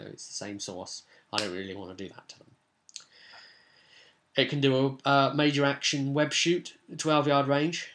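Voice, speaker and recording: Pushed and bright, this man's mid-range voice carries a long, rambling explanation of a tabletop session from the game master's seat. It's informal, casual explanatory vlog talk.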